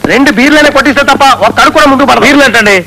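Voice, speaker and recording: A man's voice: very high-pitched, very fast, low-quality recording. An actor playing a bantering, exclaiming man in a comic film scene. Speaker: assistant manager.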